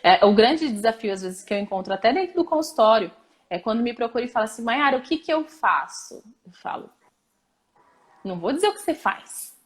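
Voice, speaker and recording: A woman's voice: a little high, lively intonation, a little fast. A woman therapist with a Brazilian accent, talking in a casual panel conversation, emphatic and full of rhetorical questions. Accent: Brazilian Portuguese. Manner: emphatic, repeats key phrases, asks rhetorical questions. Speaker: therapist and host.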